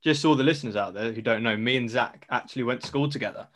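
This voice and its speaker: A man's voice: mid-range voice, fast, a bit bright. A man in his twenties hosting a casual podcast interview, friendly and chatty, laughing often. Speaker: podcast host.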